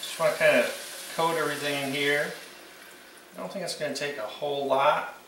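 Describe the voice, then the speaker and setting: A man's voice: fairly high pitch, steady tone, fairly quick, fairly bright tone. Echoey, distant older man cooking at home. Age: 60s. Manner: informal, unscripted, talking while cooking. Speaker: home cooking channel host. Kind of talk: casual cooking demonstration. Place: home kitchen indoors. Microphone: camera a few meters away. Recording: roomy echo, distant mic, faint kitchen noise.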